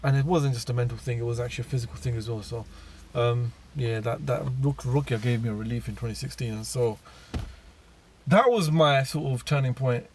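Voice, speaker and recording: A man's voice: medium pitch, fairly quick, a little mellow, slight background noise. A man telling his personal story in a casual monologue, rambling with many fillers and restarts.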